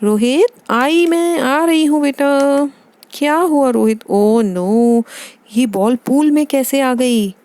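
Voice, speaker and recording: Barbie as a fussy mom. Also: female voice, sits high, takes it slowly, darkish tone, no echo. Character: Barbie as a busy, caring mother. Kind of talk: toy doll play voice-over.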